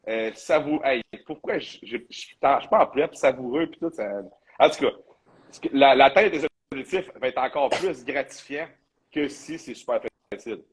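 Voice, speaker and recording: A man's voice: medium pitch, normal speed, slightly rough, low-quality recording. A man with a Quebec French accent, a bodybuilding coach hosting a casual live chat in a loose, talkative way, sprinkling in English slang.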